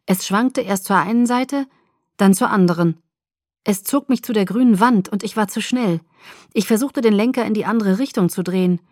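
Woman reading a first-person novel aloud, expressive and measured, mid-pitched, dry close mic. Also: dry recording. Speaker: audiobook narrator. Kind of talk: first-person audiobook narration.

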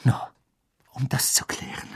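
A reader voicing a clever teenage girl witch in an audiobook, indignant and quick-talking. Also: mid-range voice, sing-song, breathy edge, voice pushed up. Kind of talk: audiobook character voice.

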